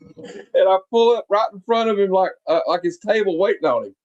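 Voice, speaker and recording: A high-pitched, darkish-toned man speaks briskly as he hosts a casual podcast chat. He is in his late forties and reminisces at length in a rambling way, with many fillers. The recording has its highs cut off.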